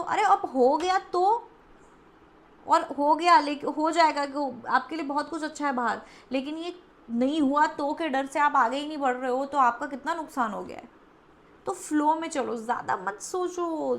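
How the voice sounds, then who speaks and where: An Indian tarot reader gives a pick-a-card reading in a chatty, coaxing manner, acting out the listener's doubts. Her voice is high-pitched, creaky and a little bright.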